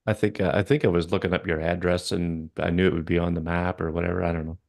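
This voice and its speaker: Low gravelly canadian guy hosting a podcast, lots of ums and restarts. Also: level tone, quick pace, a little mellow. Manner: rambling, with many fillers and restarts. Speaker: podcast host. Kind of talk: casual podcast chat.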